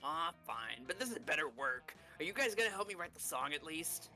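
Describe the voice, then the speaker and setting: A woman's voice: low-pitched, big pitch swings, brisk, pushed and bright, faint music behind, voice pushed down, exaggerated voice. A woman voicing a boisterous, scheming demon from a game, in a dramatic, exclamatory way. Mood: grudging. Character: boisterous, scheming demon eager to impress and betray.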